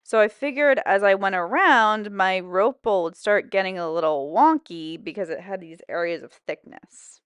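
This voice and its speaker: Woman doing a dry close-mic voice-over, super clear, kinda wry. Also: mid-range voice, normal speed, few pauses, no echo. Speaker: sewing vlogger. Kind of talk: voice-over narration.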